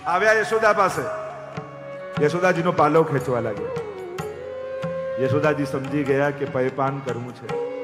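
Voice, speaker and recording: A man preaching a devotional story sermon as a katha narrator, animated and acting out each character. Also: fairly high pitch, normal speed, long pauses. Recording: echoey hall with faint music.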